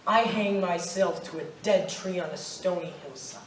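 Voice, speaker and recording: In a lightly acted amateur stage performance, a young man voices Judas, a grave and relentless ghostly stranger eighteen centuries old. His high voice carries an ominous, mournful tone in solemn, deliberate, declamatory storytelling. The recording comes from far off in a roomy, noisy space.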